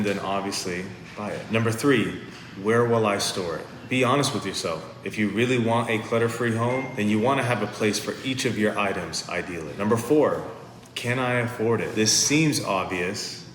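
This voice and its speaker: A man's voice: on the low side, a bit bright, slight background noise. A man hosting a vlog, giving earnest, practical advice to camera from inside his home. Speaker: lifestyle vlog host. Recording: echoey room with long reverb, faint ambience.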